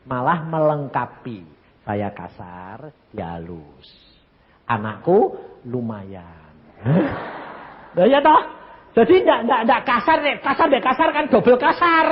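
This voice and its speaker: Lively elderly Javanese-accented preacher. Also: male voice, fairly high pitch, slow, pauses often, in a large hall, highs cut off, a little hiss or hum. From Central Java, Indonesia. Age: 80s. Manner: animated storytelling with sound effects and laughter. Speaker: evangelist preacher. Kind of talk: sermon, personal testimony.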